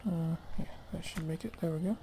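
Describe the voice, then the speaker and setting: A man's voice: on the high side, brisk, background noise. A man casually talking through his gameplay, muttering to himself and often dropping to a near whisper. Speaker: gaming channel host.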